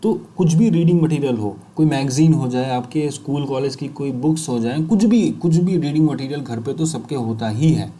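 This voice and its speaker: A man with an Indian accent coaching people who stammer, mixing Hindi and English and reading English sentences one word at a time with pauses. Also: medium pitch, mellow. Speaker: speech fluency coach. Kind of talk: slow instructional demonstration.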